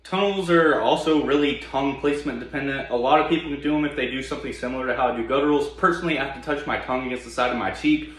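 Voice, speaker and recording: A man's voice: medium pitch, very fast, hardly any pauses, a bit bright. A man teaching a vocal technique in a casual, plain-spoken explanatory way with informal slang. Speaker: vocal tutorial instructor. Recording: very echoey room.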